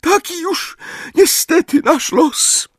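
Trelawney, a shrill hysterical seer. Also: female voice, big pitch swings, unhurried, dry recording, clean studio sound, heavily acted. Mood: dramatic, lamenting. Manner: shrill, quavering, melodramatic. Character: hysterical tearful older female fortune-telling teacher. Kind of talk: audiobook character voice.

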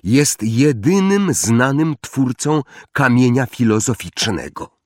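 A man's voice: medium pitch, very animated, slow pace, dry recording, voice pushed up. A man voicing an eager, bookish schoolgirl who talks in breathless, insistent bursts and dramatic whispers. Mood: excited, insistent.

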